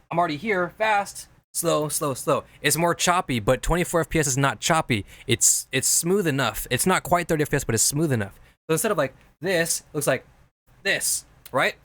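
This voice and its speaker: A man's voice: on the high side, fairly bright tone, no room sound. A man streaming, casually teaching video editing while reviewing viewer edits, rambling and repeating himself as he explains things step by step.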